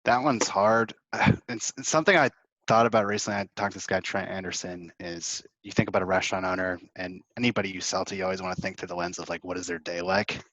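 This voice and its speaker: A man's voice: sits low, quick pace, fairly bright tone, highs cut off. A man talking in a brash, laid-back and profane way on a casual group call. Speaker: sales mastermind participant.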